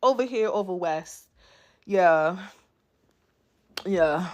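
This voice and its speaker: Drawing out her words in a lowish voice, a woman from the West Side of Baltimore hosts a casual question-and-answer vlog with a Baltimore accent. She answers viewers bluntly and profanely in a streetwise manner, chatting along and returning to "okay?" and "you know what I'm saying."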